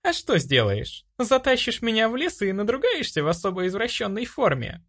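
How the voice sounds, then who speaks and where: Man voicing a young woman, high voice, lively pitch, bossy, self-assured, audiobook figure. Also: moderate pace, heavily acted. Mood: teasing. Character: brash young woman, priest's daughter.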